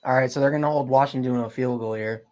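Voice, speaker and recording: An excitable man in his twenties talks college football with friends. He swears freely and is quick to argue his point. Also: mid-range voice, low-quality recording. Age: 20s. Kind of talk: casual sports chat.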